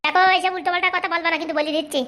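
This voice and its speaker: A woman voicing a sharp-tongued middle-aged housewife in a comedy cartoon, scolding with quick retorts. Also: extremely high pitch, little pitch movement. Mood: bickering.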